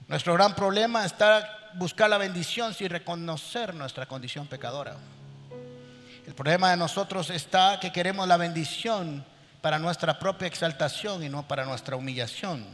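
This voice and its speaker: High-voiced man preaching in a hall. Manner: animated preaching, acts out people in stories. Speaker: pastor. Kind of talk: sermon.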